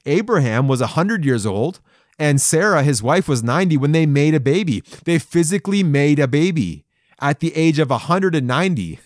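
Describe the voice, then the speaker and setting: In a fairly high, sing-song voice at normal speed, this forties-aged men's devotional speaker gives an encouraging, folksy podcast sermon. He drops in playful asides and chuckles, and the dry recording has clean studio sound.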